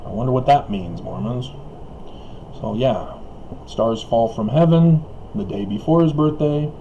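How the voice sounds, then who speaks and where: Medium in pitch and dark in tone, this man speaks at a measured pace over lo-fi sound with slight background noise. As an online video commentator going solo, he rambles, chuckles frequently between remarks, restarts and fills pauses often, and coughs while his voice wears thin.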